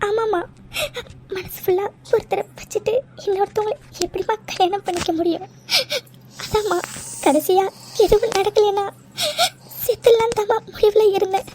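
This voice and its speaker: Cartoon daughter, young bride, very high and tearful, voiced by a woman. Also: steady tone, normal speed, dark tone, a little hiss or hum. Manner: crying, pleading, stammering. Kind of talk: cartoon voice acting.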